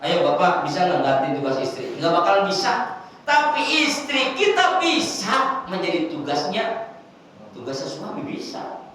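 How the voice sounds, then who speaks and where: Male preacher, high and lively delivery, jokey, recorded from a distance in an echoey hall. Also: unhurried, a little hiss or hum. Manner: animated, jokey, acts out scenes. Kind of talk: humorous religious lecture. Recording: echoey hall from far off with faint ambience.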